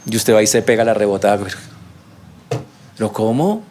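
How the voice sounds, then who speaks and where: A man preaching a sermon as a pastor, animated, acting out quoted prayers in a raised voice and dropping soft and low for humble ones. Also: racing, slight background noise.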